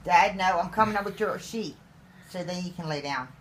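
A woman's voice: lowish voice, normal speed. A woman bantering casually with family in a living room, telling stories in coarse, profane language. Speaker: daughter at home. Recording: faintly noisy handheld home recording.

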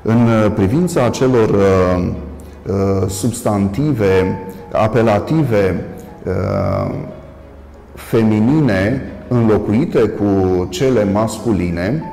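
Male TV lecturer, gravelly and mellow, deliberate with many pauses; roomy reverb. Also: fairly low pitch, faint music behind. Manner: measured, halting with frequent "uh" pauses, stressing contrasting word endings. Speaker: priest and professor hosting a TV talk. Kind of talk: solo lecture-style commentary.

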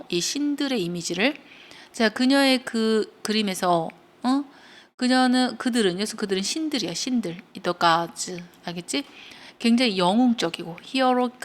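A woman teaching English grammar to students, explaining step by step and checking in with them often as she retells a story. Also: mid-range voice.

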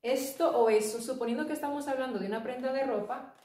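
A woman teaching an English lesson, explaining slowly and patiently. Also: high-pitched, warm tone, distant mic. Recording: echoey room, voice from off-mic.

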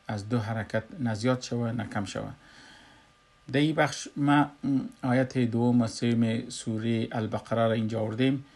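Afghan dari accent guy teaching a recitation lesson, gravelly voice, slow with lots of uhs. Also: mid-range voice, darkish tone. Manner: slow, explanatory, with frequent "uh" pauses.

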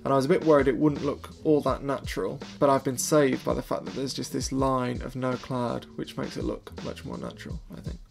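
A man's voice: medium pitch, level tone, fairly quick, creaky, hardly any pauses. A young man chatting casually and explaining his photo editing step by step, self-deprecating. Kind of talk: casual vlog and editing tutorial.

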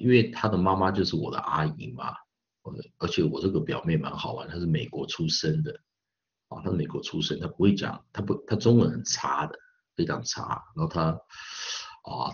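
A man in his forties gives a recorded English lesson in a very low, deep voice. He talks chattily, repeating phrases and stretching out words as he spells and sounds them out. The audio is slightly dull and lo-fi. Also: creaky. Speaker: English teacher.

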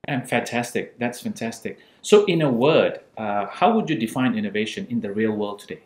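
A man's voice: lowish voice, expressive, moderate pace, roomy sound. A man interviewing a startup founder off camera, asking questions and giving brief, encouraging reactions.

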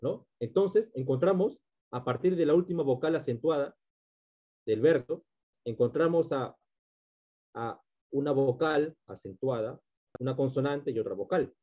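A man's voice: mid-range voice, lively intonation, measured pace, pauses often, mellow. A male teacher giving a literature class, explaining step by step and often checking in with his students.

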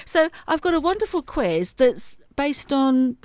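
A woman's voice: high-pitched, sing-song, a little slow, darkish tone. A woman, a writer guesting on a radio show, chatty and self-deprecating, often apologising.

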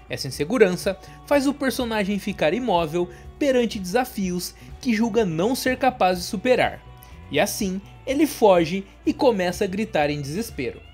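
Woman, video host; animated, swooping delivery, soft music bed. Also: medium pitch. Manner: lively, addresses viewers directly. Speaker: host of an anime channel. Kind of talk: scripted anime explainer narration.

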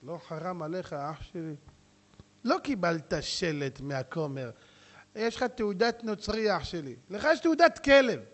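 Animated high-pitched male preacher. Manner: animated storytelling, swings between shouting and hushed asides. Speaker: rabbi. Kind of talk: sermon with jokes and acted dialogue.

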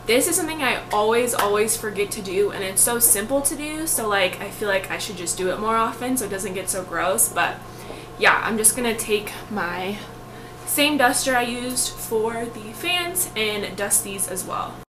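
A woman's voice: medium pitch, lively intonation, normal speed, over music. A woman in her twenties chatting casually through a home cleaning vlog, upbeat and full of fillers. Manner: chatty, upbeat, says "like" often. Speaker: lifestyle vlogger. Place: small apartment living room, indoors. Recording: echoey room, faint room noise.

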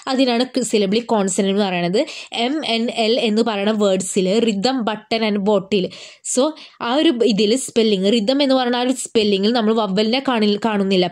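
Young malayali woman going over exam notes, reads definitions slow then explains, normal mid voice. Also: medium pitch, a little mellow. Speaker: teacher. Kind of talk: exam revision lesson.

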